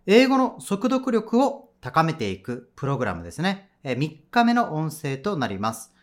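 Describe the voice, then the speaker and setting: A man's voice: on the high side, wildly swooping pitch, moderate pace. A man teaching an audio lesson as an English teacher at a cram school, explaining in a chatty, patient way.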